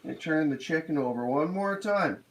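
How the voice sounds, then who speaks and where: A man's voice: on the high side, lively intonation, moderate pace, slight background noise, low-quality recording. A man casually hosting a cooking stream, explaining each step as he goes in an easygoing, rambling way.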